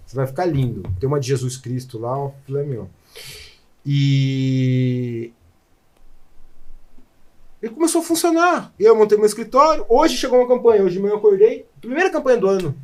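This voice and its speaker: Brazilian guy on a podcast, bit higher voice, telling his life story all emotional and lively. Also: normal speed. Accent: Brazilian Portuguese. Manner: animated, emotional storytelling with prayer re-enacted aloud. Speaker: podcast guest. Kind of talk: personal testimony in conversation.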